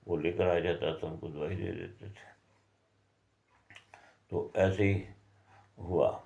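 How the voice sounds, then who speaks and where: A man, a herbal healer telling a story to his viewers in a slow, rambling, folksy way. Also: sits low, expressive, gravelly, warm tone.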